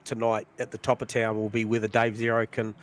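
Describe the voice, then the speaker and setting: A man co-commentating a sim racing event in a relaxed, chatty way full of fillers. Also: on the low side, brisk. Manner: relaxed, lots of fillers and mate. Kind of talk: casual commentary chat.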